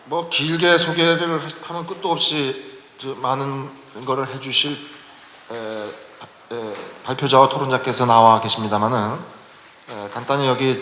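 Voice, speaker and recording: A middle-aged man from Jeju moderating a public forum in a formal, halting manner, with many pauses. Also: medium pitch, sharp tone. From Jeju, South Korea. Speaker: panel moderator. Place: large lecture hall at a public forum. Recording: echoey hall recording with faint noise.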